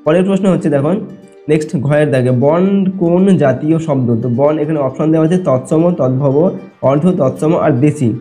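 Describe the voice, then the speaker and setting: A man's voice: a little high, normal speed, dark tone, soft background music. A man going through exam answers as a teacher, explaining step by step and often checking in with his listeners. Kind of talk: exam answer walkthrough lesson.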